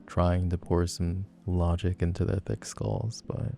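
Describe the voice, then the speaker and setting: Man playing a teasing, gravelly low-voiced flirty guy. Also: completely flat delivery, a little slow, warm tone. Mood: playful, rambling. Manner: teasing, playful, rambling. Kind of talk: flirty personal-attention role-play, casual chat.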